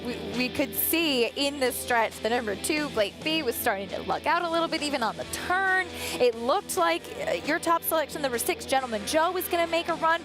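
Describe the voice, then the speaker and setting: A woman's voice: high-pitched, rough recording. A woman hosting a horse racing broadcast, giving unscripted analysis of the races. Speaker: racing show host. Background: music behind the voice.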